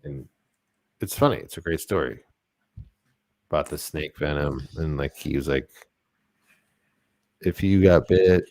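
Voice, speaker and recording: A man's voice: extremely low pitch, unhurried, long pauses, a little mellow, no room sound. A man co-hosting a podcast, talking in a loose, rambling, jokey way. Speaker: podcast co-host. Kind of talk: casual chat.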